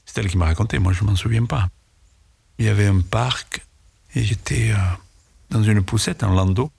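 Gravelly husky man, reflective and halting. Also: on the low side, darkish tone. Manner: reflective, hesitant, halting phrases. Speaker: interviewee in a sound documentary. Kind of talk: personal reminiscence.

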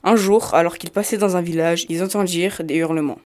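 A woman narrates a fairy tale in a measured, storytelling way. Her voice sits on the low side. The reading is calm and clear. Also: heavy background noise.

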